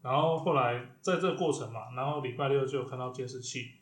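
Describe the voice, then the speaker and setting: A man, a diviner hosting a podcast, telling a story in an animated, casual way. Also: medium pitch, quick pace, roomy sound. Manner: animated, lively retelling with quoted exclamations.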